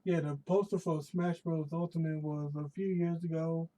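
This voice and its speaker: This man from the United States has a fairly high but dark voice with fairly even intonation, delivered at a moderate pace. Chatting casually on a live stream from his home room, he rambles and keeps restarting and rephrasing his thoughts. His voice is a bit worn from pollen allergies.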